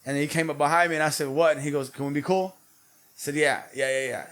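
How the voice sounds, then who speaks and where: A man's voice: on the high side, fairly even intonation, fast talker, fairly bright tone. A man telling personal stories as a podcast guest, blunt and slangy, swearing freely. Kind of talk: casual personal storytelling.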